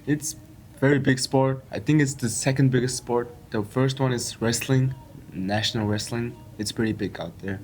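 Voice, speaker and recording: A man's voice: medium pitch, fairly even intonation, moderate pace, a little mellow. Young guy who plays ball, polite and simple, mid voice, bit of hiss. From Mongolia. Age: young adult. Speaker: student basketball player. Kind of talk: casual interview.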